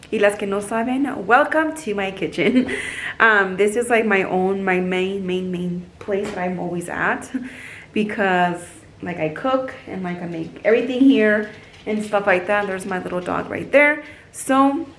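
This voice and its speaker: An excited young woman talks straight to her phone camera at home. She is chatty and upbeat, tucking phrases into her English, and her voice sits at an ordinary middle pitch. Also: a little hiss or hum. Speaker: vlogger. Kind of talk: casual chat to camera.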